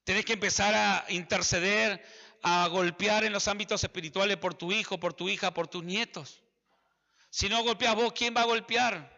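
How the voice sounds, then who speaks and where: A man's voice: sits high, fairly even intonation, moderate pace, creaky, bright, forceful tone, big-room sound, lo-fi sound. A man with an Argentine accent preaching a sermon, emphatic and repetitive, speaking straight to his listeners. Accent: Argentine Spanish. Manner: emphatic, repeats phrases, addresses listeners directly.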